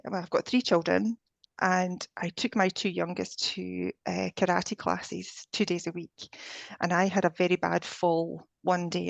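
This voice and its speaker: Scottish woman guest, low gravelly voice, dry close sound, chatty with fillers. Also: dry recording. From Scotland. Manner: chatty, with frequent fillers and restarts. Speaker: guest, ascension coach. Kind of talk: casual interview chat.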